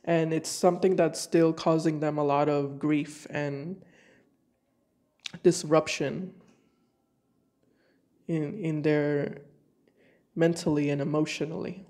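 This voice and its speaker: In a low, warm voice with fairly even intonation, a woman slowly reads tarot for her viewers, pausing at length. She has a cold, and her talk is casual, thinking aloud and restarting hesitantly. The setting is a room at home with a decorated card table.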